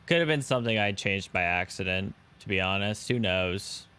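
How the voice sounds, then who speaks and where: Chatting casually with his audience and thanking subscribers, a young man flies a simulator on a live stream. His low voice is expressive, clear and resonant, with a sharp tone and a normal speed.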